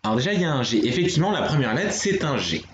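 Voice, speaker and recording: A man's voice: medium pitch, very animated, very fast, a little hiss or hum. A man teaching Korean letters on a live stream, explaining step by step and talking to his viewers. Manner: patient, explanatory, talks to chat viewers. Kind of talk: live-streamed language lesson. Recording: dull, roomy home stream audio.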